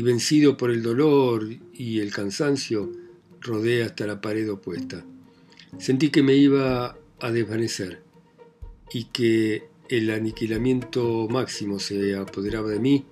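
Hushed, measured male audiobook narrator. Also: mid-range voice. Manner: measured, dramatic, hushed reading. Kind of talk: scripted novel narration.

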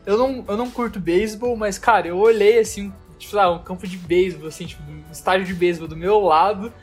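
A man's voice: high-pitched, steady tone, fast, husky, faint music behind. A man with a Brazilian Portuguese accent telling a travel story in casual chat, loose and slangy, full of fillers.

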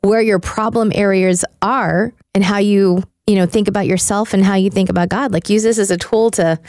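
A woman's voice: medium pitch, fairly even intonation, normal speed, darkish tone, no room sound. Woman on a morning radio show, chatty, dry close sound. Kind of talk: conversational radio talk.

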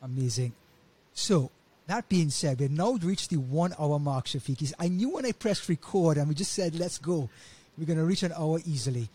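Male podcast host, gushing and upbeat; husky, dark-toned delivery. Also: a little high, lively intonation, moderate pace. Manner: enthusiastic, effusive praise. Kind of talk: podcast interview.

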